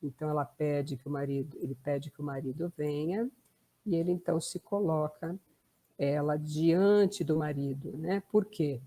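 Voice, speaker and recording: Brazilian woman therapist, warm mellow tone, chatty explanatory talk. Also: sits low, normal speed. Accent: Brazilian Portuguese. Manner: conversational, tag questions. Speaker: family constellation therapist.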